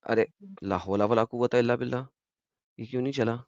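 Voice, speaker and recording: A man hosting a heated debate, pressing his points in rapid bursts and citing verses by number. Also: medium pitch, steady tone, a little mellow, no room sound. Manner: pressing, rapid-fire arguing, quoting chapter and verse. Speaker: debate host. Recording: dull, dry lo-fi audio.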